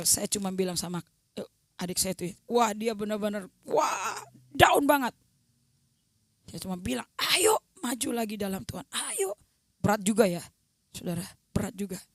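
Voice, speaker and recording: A woman evangelist, preaching a sermon with personal testimony, dropping to hushed near-whispers and rising to loud emphatic declarations as she acts out remembered conversations. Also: medium pitch, no echo. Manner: colloquial, acts out remembered dialogue.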